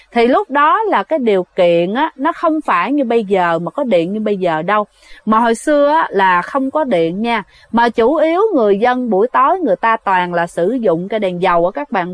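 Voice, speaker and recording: A woman's voice: mid-range voice, no echo. A woman telling a ghost story in a casual, chatty way, often addressing her listeners directly. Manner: chatty, addresses listeners as "các bạn", many fillers. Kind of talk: casual spoken storytelling to viewers.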